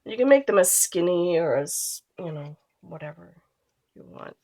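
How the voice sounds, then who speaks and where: Casual and chatty, a scrapbooking vlogger in her thirties narrates a craft tutorial, her sentences fading out as she works. Her voice sits on the low side at a normal speed and sounds nasal because of a cold.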